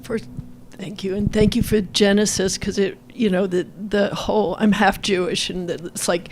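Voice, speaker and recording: A woman speaks off the cuff in a literary discussion. Her medium-pitched voice has a clear creak, and she rambles along with enthusiasm. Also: fairly even intonation, normal speed, slight background noise.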